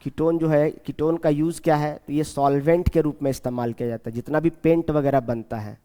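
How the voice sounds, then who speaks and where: A man teaching a chemistry class, repeating key terms slowly and asking his students questions as he goes. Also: fairly high pitch, steady tone, mellow, long reverb tail. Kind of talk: classroom lecture.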